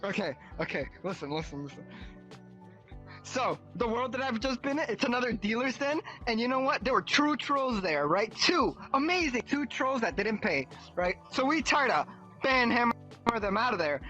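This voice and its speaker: An excitable speaker spinning a story over voice chat in a VR world, tone bright and forceful. They swear freely and keep asking "right?". Faint music sits in the background. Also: medium pitch, normal speed, dull audio. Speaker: visitor telling a story. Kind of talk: animated storytelling.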